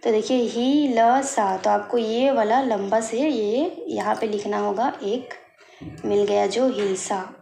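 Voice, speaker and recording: A woman's voice: mid-range voice, steady tone, unhurried, vocal fry, dark tone. A woman teacher explaining homework answers step by step, patient and repetitive, checking in with her students often. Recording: echoey room with faint noise.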